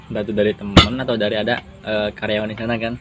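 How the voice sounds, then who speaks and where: This young man, a guest in an informal interview, recounts anecdotes with laughter and Islamic phrases. He speaks at a racing pace with a fairly low voice and a completely flat delivery. The recording has a noisy background.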